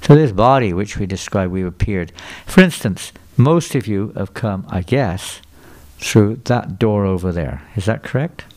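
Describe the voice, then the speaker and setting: An older Englishman, a visiting speaker, delivers a sermon lecture to a live audience in a temple hall, asking people questions and repeating their answers back. His voice is fairly low and darkish in tone, with lively intonation and a measured pace.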